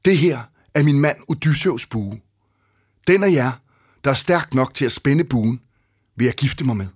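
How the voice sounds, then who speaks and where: A man voicing a calm, resolute queen in a storybook reading, speaking firmly. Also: medium pitch, slightly rough, voice pushed up. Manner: calm and firm.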